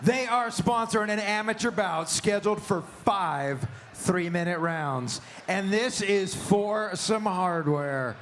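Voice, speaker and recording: A man with a high-pitched voice works as a booming fight announcer, hyping the crowd at a live event. There is faint noise behind him from the venue. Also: animated, takes it slowly, a bit bright. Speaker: ring announcer.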